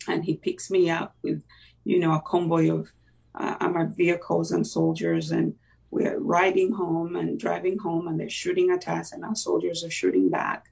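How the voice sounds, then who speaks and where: This interview guest from Uganda, whose first language is Luganda, gives a personal faith testimony in conversation. His medium-pitched voice is gravelly and somewhat dark, and it was recorded from a distance. He speaks reflectively and haltingly, with many fillers and restarts.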